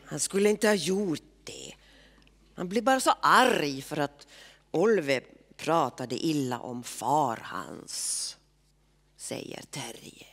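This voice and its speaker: A woman reading literary prose aloud in a measured, expressive way. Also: low-pitched, breathy edge. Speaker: reader.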